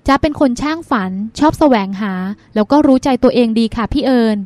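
A woman's voice: high voice, expressive, a little fast, a little mellow, no room sound. A woman reading the lines of a dreamy, chatty young woman who plays the younger sister. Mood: playful. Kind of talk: audiobook character reading.

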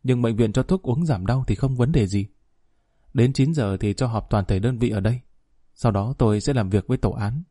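A man voicing a calm, kind middle-aged female police chief in an audio story, speaking softly and reassuringly. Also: medium pitch, normal speed, slightly rough, no room sound, clean studio sound, lightly acted. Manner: soft-spoken, reassuring.

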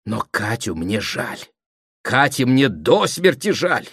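A man's voice: medium pitch, very animated, slow pace, fairly bright tone, husky, dry recording, clean studio sound, voice pushed up, heavily acted. A man voicing an aggrieved middle-aged sister who pleads and reproaches her brother, in an audiobook reading. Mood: reproachful.

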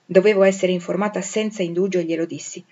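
A woman reading a classic novel aloud in a measured, expressive way that grows dramatic on emotional passages. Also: fairly low pitch. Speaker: audiobook reader. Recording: dull lo-fi recording.

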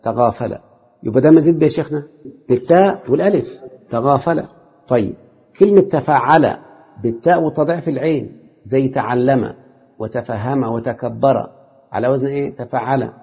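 A man's voice: medium pitch, fairly quick, long pauses, slightly rough. A man teaching a classroom lesson in an Egyptian Arabic accent, constantly quizzing his students with short questions. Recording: lo-fi hall recording with long reverb.

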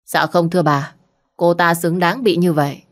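A woman's voice: lowish voice, steady tone, normal speed, natural voice. Curt cold young heir, read by a woman. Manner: curt, dismissive.

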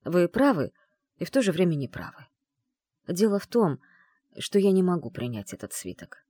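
A woman voicing a calm, courteous young male aristocrat in an audiobook, patient and given to sighing. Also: on the low side, normal speed, slightly rough, dry recording, clean studio sound. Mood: patient, rueful. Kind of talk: audiobook reading.

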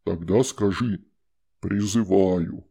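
A sinister shadow spirit, put on by a male audiobook narrator, that coaxes a child with slow, persuasive bargaining. The voice sits low, dark and gravelly, with a husky edge. It sounds like a spirit that is sure of getting its way. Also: heavily acted. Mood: coaxing. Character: sinister coaxing shadow spirit, female, scheming. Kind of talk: audiobook character voice.

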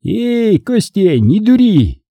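A man doing a cocky shouting enemy commander. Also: very animated, slow, no room sound, heavily acted. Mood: jeering. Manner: shouting, raised pitch. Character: cheerful cocky male enemy commander, bossy.

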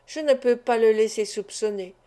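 A woman's voice: fairly high pitch, moderate pace, mellow, natural voice. A woman voicing an anguished but resolute wife and mother making an earnest confession in an audiobook of a classic novel.

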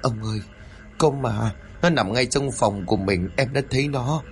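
A man's voice: mid-range voice, normal speed, close to an everyday voice. A man voicing a frightened middle-aged wife who questions her husband anxiously in a spoken horror story. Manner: anxious, pleading.

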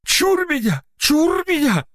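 A shrill toothless old watchman. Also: very animated, fairly bright tone, heavily acted. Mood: terrified. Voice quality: mumbling, lisping through a toothless mouth. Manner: shrill, quick to panic. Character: toothless old village watchman, superstitious, grumpy.

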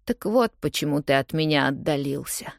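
A woman's voice: sits low, expressive, normal speed, gravelly, no room sound, studio quality. A woman reading an audiobook, voicing a hurt young woman who confronts her lover in a raised, pleading, accusing voice.

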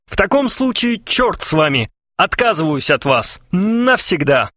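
A man putting on an impulsive young man, pitched well above a plain talking voice and swinging widely in tone. He pleads and rages theatrically, a comic storybook hothead, heard close and dry. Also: very animated, unhurried, no echo, exaggerated voice. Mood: furious. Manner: melodramatic, pleading and shouting.

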